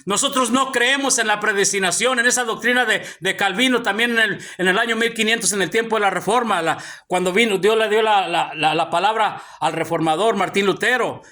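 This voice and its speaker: Guy preaching in church, real high bright voice, keeps saying hermano to the crowd. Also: fairly quick, hardly any pauses. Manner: preaching with frequent calls of "hermano" to the congregation. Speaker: pastor. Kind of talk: sermon. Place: church hall with a live congregation.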